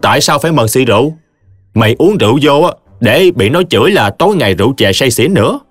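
A man's voice: medium pitch, expressive, fast, no room sound, studio quality, faint music behind, pitched above the performer's own voice, lightly acted. A man voicing a stern male village teacher who lectures his friend scornfully. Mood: lecturing.

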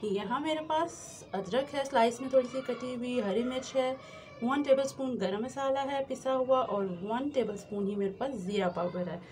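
A woman hosts a cooking channel from her home kitchen, walking viewers through a recipe step by step in a friendly manner, addressing them directly and mixing in English words. Her voice is on the high side, a little mellow, at normal speed. The noisy phone recording captures a sizzling pan, frying sounds, and soft background music.

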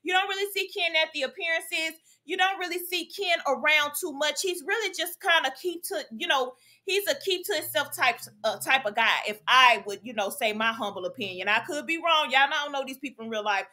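A woman runs a chatty celebrity gossip vlog in a high, bright voice. She talks to her viewers like friends, calling them y'all and child and ending her points with "okay?". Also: brisk, hardly any pauses. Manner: tags lines with "okay?". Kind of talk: casual gossip commentary.

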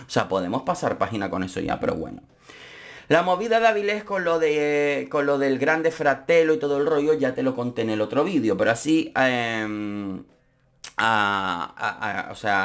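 A man giving chatty, opinionated commentary on a reality show. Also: medium pitch. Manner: chatty, opinionated, frequent restarts. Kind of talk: casual commentary vlog.

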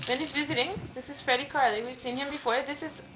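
A high-voiced woman narrates a family home video from behind the camera, chatty and cheerful as she points things out. Her voice comes through a built-in camcorder mic onto an old VHS tape with steady hiss underneath. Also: fast. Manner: chatty, laughing, cheerful commentary while filming. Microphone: built-in camcorder microphone.

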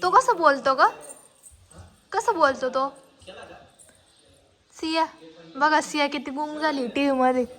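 A woman's voice: high-pitched, a little slow, long pauses, a bit bright. A woman filming a casual family vlog at home, talking playfully and coaxingly to a toddler. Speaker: vlogger, mother.

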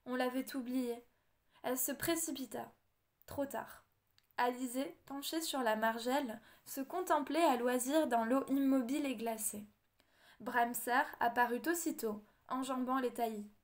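High-voiced woman reading a storybook. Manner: measured, expressive read-aloud. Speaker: audiobook reader. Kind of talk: storybook narration.

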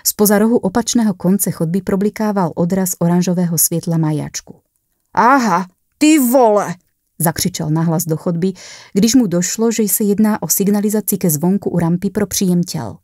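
A woman narrating a horror short story in a measured storytelling manner. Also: lowish voice, dark tone, no echo, studio quality.

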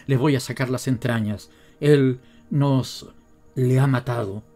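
A man's voice: medium pitch, steady tone, slow, soft background music. A man voicing a raging, grief-stricken old miser. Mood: enraged. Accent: Latin American Spanish. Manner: shouting, bitter, raging. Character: furious grieving miserly old father.

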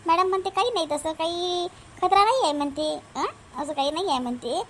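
A woman voicing a calm, reassuring village neighbor woman who repeats herself firmly. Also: very high voice, brisk, a little hiss or hum. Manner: reassuring, firm, repetitive.

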